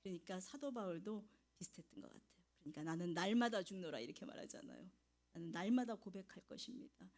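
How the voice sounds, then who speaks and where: Korean woman preaching, mellow and warm. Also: fairly low pitch, animated. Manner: storytelling, with pauses and hushed asides. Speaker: evangelist preacher. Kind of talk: sermon with personal testimony. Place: church sanctuary.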